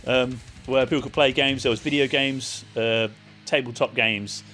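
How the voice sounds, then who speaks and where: A man's voice: medium pitch, steady tone, moderate pace, pushed and bright, soft background music. A man giving a casual, chatty spoken review of a festival, loose and full of ums and uhs. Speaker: vlogger reviewing a metal festival.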